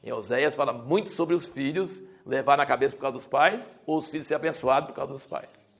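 A man's voice: mid-range voice, a little fast, creaky, fairly bright tone. A man teaching a Bible class in a conversational, explanatory way, often restarting his sentences and rising to emphatic stretches.

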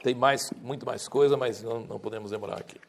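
A man's voice: mid-range voice, fairly even intonation, fast talker, gravelly. A man teaching a Bible class in a conversational, explanatory way, often restarting his sentences and rising to emphatic stretches.

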